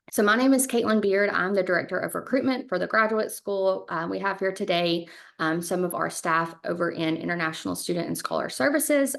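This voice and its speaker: A woman with a slightly low, gravelly voice hosts an online webinar for new students. She keeps things organized and friendly, filling pauses with ums as she explains the session over a video call. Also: a bit bright. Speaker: graduate school recruitment director hosting webinar.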